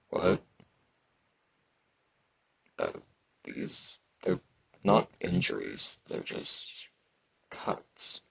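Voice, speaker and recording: In an ASMR fantasy roleplay, a man plays a gruff, aloof young knight, battle-hardened, genetically modified and bred for war, using an exaggerated deep voice that is heavily creaky and husky, with sibilant S sounds. He speaks in terse, halting phrases, socially awkward and low-key. The recording is close-miked, slightly dull, with no room sound.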